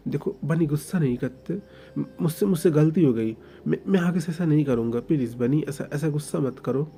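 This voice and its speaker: A man's voice: a little high, moderate pace, warm tone, a little hiss or hum, pitched above the performer's own voice, natural voice. A man voicing a domineering young husband who coaxes and warns in turn, stammering a little. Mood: coaxing. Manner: coaxing yet menacing, stammers. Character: possessive, domineering young husband, soft then threatening.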